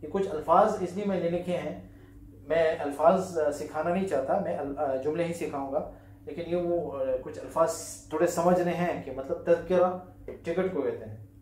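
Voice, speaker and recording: A man teaching an Arabic lesson at a board, patiently repeating key words slowly with many pauses and fillers. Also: a little high, a little mellow, roomy sound, slight background noise. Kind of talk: classroom-style language lesson. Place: room with a whiteboard.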